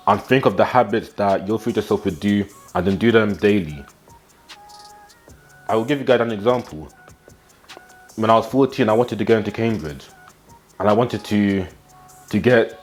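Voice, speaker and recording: A nineteen-year-old English fitness and self-improvement vlogger gives a motivational talk to camera in a fairly low voice. He is blunt and slangy, hammering points home through repetition, and is recorded on a small clip-on mic in a small room at home with faint music underneath.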